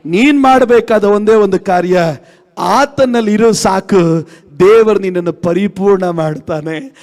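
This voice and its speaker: A man's voice: high voice, measured pace, a little mellow. A male pastor, preaching and leading his congregation in prayer with repetitive, fervent chants. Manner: repetitive call-and-response exhortation.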